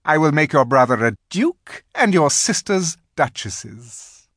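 A reader voicing an imperious, scheming witch queen from a children's storybook, sweet-talking in grand, drawn-out phrases. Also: mid-range voice, sing-song, a bit bright, no room sound, studio quality, pitched above the performer's own voice, full character voice. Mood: sweetly coaxing.

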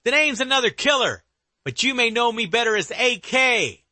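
A man's voice: very high voice, lively intonation, normal speed, pushed and bright, no echo, pitched above the performer's own voice, heavily acted. A man voicing a menacing male killer who taunts his victims from the darkness, his voice raised well above his own. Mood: gloating. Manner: gloating, taunting.

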